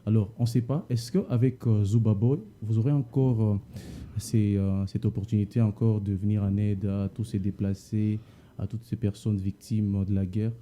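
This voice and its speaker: A man with a Congolese accent hosting an interview, putting questions in a halting way and repeating words. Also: lowish voice, level tone, dark tone, slight background noise. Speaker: interviewer, host.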